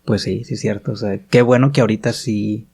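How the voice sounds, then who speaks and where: A man's voice: fairly low pitch, steady tone, a little fast, creaky, darkish tone, husky. Hesitant male podcast host. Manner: hesitant, many fillers and restarts, agreeable. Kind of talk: casual conversation.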